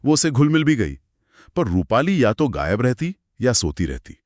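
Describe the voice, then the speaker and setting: Telling horror stories as host of a conversational show, the man speaks in short, dramatic phrases that build suspense. His voice is mid-range with big pitch swings at a normal speed. The sound is clean studio audio without echo.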